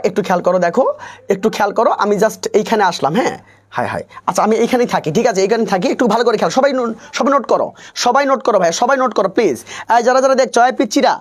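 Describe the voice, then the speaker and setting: A young man tutoring English in a live online class, talking quickly in a fairly high voice. He repeats phrases over and over and keeps asking whether the students have understood, coaxing them along. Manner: repetitive, coaxing, constantly checks understanding. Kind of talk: live online class, reading chat comments.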